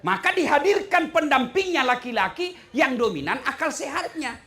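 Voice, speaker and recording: Makassar-accented male preacher, bright forceful tone, jokey sermon, pitch swinging wide. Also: moderate pace. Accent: Makassar Indonesian. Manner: joking, animated, rhetorical questions. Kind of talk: humorous sermon.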